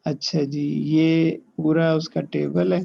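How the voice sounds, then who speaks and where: Guy teaching verb tables online, gravelly kinda high voice, dull lo-fi audio, drags out the word forms. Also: flat delivery. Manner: slow, drawn-out recitation of verb forms between quick explanations; mixes in English terms and checks in with "theek hai". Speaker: Arabic grammar teacher. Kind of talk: online grammar lesson, explaining a table on screen.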